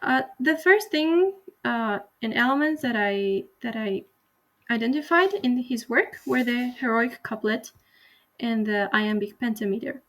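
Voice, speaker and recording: A woman's voice: a little high, lively intonation. Earnest young woman giving a class talk. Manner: earnest and explanatory, many pauses and restarts. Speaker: university student presenter. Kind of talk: class presentation on a poem.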